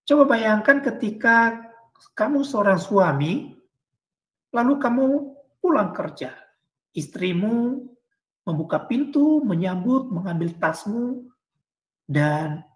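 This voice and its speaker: A woman pastor preaching a sermon in an animated way, acting out dialogue. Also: mid-range voice, slow, pauses often, reverberant.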